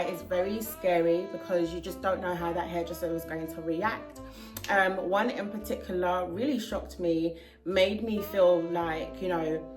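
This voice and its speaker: A young woman vlogging to camera, earnestly sharing heartfelt advice with casual fillers. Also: lowish voice. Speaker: hair vlogger. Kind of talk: casual talking-to-camera vlog.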